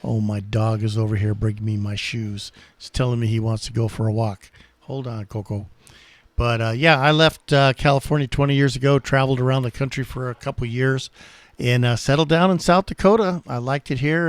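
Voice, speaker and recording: A man in his sixties with an American accent chats casually as an amateur radio operator. His voice is mid-range, and the recording has no echo.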